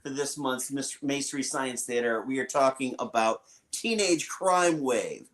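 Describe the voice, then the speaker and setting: A man's voice: mid-range voice, measured pace, fairly bright tone. A middle-aged man with a Southern American inflection hosting a casual podcast, rambling and self-deprecating with chuckles between points. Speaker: podcast host.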